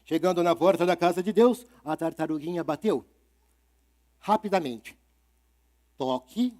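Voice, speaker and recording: A male storyteller with a Brazilian accent, performing live for an audience at a literary fair. His voice sits high and bright, and he shifts tempo freely, drawing out words for effect and putting playful questions to his listeners. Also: a little slow. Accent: Brazilian Portuguese.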